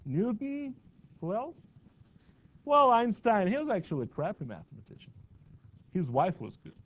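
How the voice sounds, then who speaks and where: A man's voice: high-pitched, huge pitch swings, moderate pace, highs cut off. A man teaching a math class in a classroom, chatty and often asking his students questions. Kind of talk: classroom lecture.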